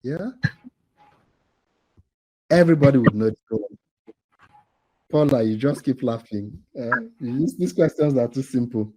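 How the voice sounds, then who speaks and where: A man's voice: mid-range voice, measured pace, pauses often, dark tone, poor audio. A man hosting a live online quiz for a training cohort over a video call, teasing the players and laughing often.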